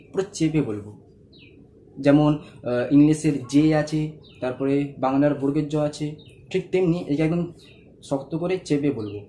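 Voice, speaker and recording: Man, teacher, slightly high voice, repeats sounds patiently, faint hiss behind. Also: warm tone. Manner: patient, repeats sounds slowly and drills them. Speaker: Quran reading teacher. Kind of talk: step-by-step pronunciation lesson.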